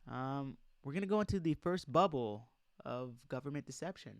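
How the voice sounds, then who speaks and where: Reading a document aloud and adding his own commentary, a man lectures informally, emphatic and quick to pose questions directly to the audience. He speaks at normal speed in an expressive, mid-range voice, with no echo.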